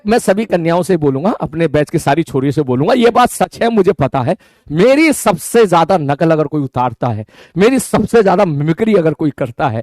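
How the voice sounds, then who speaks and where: A male teacher with a lilt, joking with his online class. His voice sits high and leaps around in lively swoops. He talks close to the mic in a dry room with no echo. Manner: playful teasing, repeats words in rapid runs; breaks into high mock voices when quoting students. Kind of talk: casual live online class banter.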